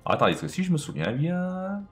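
Gravelly-voiced man narrating his gameplay. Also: sits high, sing-song, fast talker, fairly bright tone, soft background music. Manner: chatty, talks to himself and the game enemies. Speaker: let's play commentator. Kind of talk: casual gameplay commentary.

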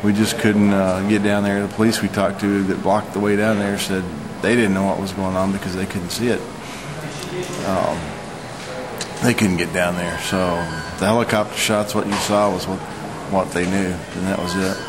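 Man, forties, deep register, little pitch movement, halting, matter-of-fact, unscripted vlog report, noticeable room noise. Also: level tone. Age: 40s. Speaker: storm chaser giving an eyewitness report. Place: hotel lobby, indoors.

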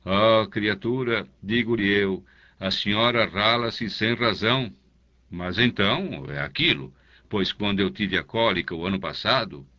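A man's voice: on the low side, bright, forceful tone, highs cut off. A man voicing a pompous, self-satisfied older canon priest in an audiobook, speaking in a confidential, lingering way. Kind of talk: audiobook character voice.

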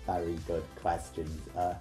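Young man, deep mellow voice, casual filmmaker chat, echoey room, faint music. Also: completely flat delivery, a little slow. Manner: chatty, self-deprecating, fillers. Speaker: filmmaker, channel host. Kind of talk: casual behind-the-scenes chat. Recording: roomy echo, faint music.

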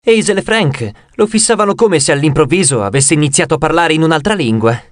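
A man reading an audiobook aloud with a slightly raised voice. The sound is close and dry, with no room around it. He tells the story with steady expressive care. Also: on the high side, fast talker, dry recording. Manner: expressive storytelling, voicing characters' dialogue. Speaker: audiobook narrator. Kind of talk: scripted narration.

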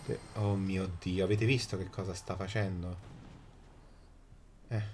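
A man's voice: low-pitched, fairly even intonation, measured pace, darkish tone, a little hiss or hum. A man, commentating a live mobile game emphatically, repeating phrases and swearing in exasperation. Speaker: game streamer. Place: small indoor streaming room.

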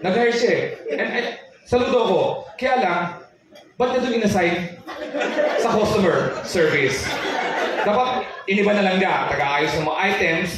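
High-voiced stand-up comic in an echoey venue. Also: male voice, a crowd in the background. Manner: storytelling with quick acted-out dialogue. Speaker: stand-up comedian. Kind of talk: stand-up comedy set. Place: comedy venue with live audience. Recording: echoey live venue audio from far off, noisy.

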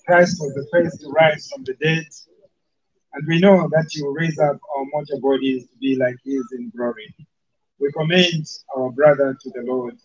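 A man officiating at a burial, reciting the committal prayer in a solemn, measured way. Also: fairly high pitch, dry recording. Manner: solemn, measured liturgical delivery. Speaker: officiating minister. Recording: dull lo-fi recording.

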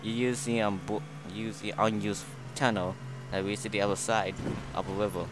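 A man giving unhurried, relaxed game commentary in a low voice, halting often and repeating words as he explains. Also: noisy background. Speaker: gaming video host. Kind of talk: recorded gameplay commentary.

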